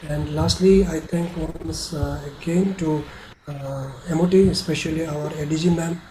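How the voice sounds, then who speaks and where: A middle-aged man with an Indian accent, giving an informal webinar talk as a tour operator in a halting, hesitant way. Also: on the high side, steady tone, mellow. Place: small bedroom indoors, video call. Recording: slightly noisy video call.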